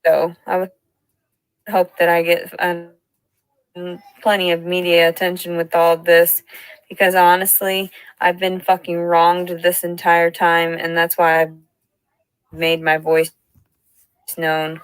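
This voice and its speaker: A woman's voice: on the low side, monotone, takes it slowly, long pauses, clear, resonant tone, no echo, poor audio. A woman speaking in an aggrieved, profane way, heard in a video clip whose playback skips and repeats her phrases. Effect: glitching playback that skips and repeats phrases.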